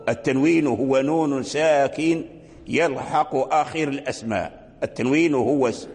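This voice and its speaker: An older man teaching Quranic readings in a lecture, explaining slowly with repetition and chanting the verse examples. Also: mid-range voice, vocal fry, darkish tone. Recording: long hall reverb.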